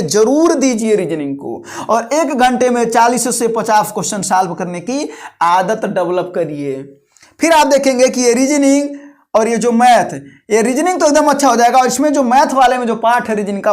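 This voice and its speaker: A male coaching teacher gives exam guidance to students. He talks in a colloquial, coaxing way and repeats his points to drive them home. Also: very high-pitched. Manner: repetitive, coaxing, colloquial exhortation.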